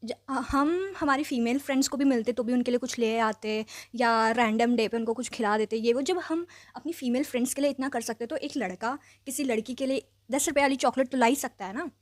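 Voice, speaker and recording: A young woman telling a personal story in a chatty, animated vlog style, dropping English phrases in and leaning on fillers. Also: fairly high pitch, fairly quick, hardly any pauses, no echo, studio quality. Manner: mixes English phrases into speech. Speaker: vlogger. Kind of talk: casual storytelling.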